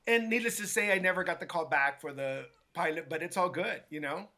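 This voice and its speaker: A man, a hairstylist guest, telling a story in an animated way and acting out what others said. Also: on the high side, brisk. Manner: acts out quotes with lively voices, many restarts.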